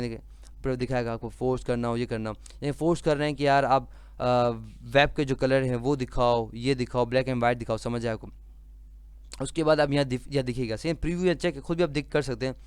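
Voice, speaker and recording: A man teaching a screen-recorded software lesson in a conversational way, often pausing to check that his listeners understand. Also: mid-range voice, smooth, dry recording. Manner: repeatedly checks understanding with a rhetorical question; conversational, with frequent fillers and restarts. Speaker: software tutorial instructor.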